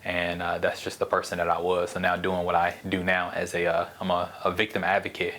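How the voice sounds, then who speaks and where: A man's voice: deep voice, completely flat delivery, a little fast, bright, forceful tone. Blunt, profane man talking casually. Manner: blunt, profane, rambling with frequent restarts. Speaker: podcast host. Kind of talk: casual solo podcast monologue.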